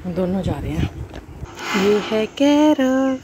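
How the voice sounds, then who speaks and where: A woman's voice: medium pitch, sing-song, slow pace. A woman, chatting homely and direct to viewers in a home vlog, recorded on a phone in her kitchen with a fan humming. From Haryana, India. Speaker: housewife vlogger. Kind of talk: casual home vlog chat. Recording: echoey room with fan hum. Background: ceiling fan noise.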